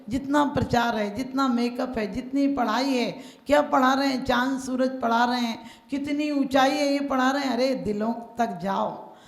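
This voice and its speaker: A woman delivers a storytelling sermon, voicing the characters in her tales and slipping into chanted verse. Her voice sits fairly high and has a gravelly edge. The sound carries the echo of a large hall. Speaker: Jain nun preacher. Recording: echoey hall.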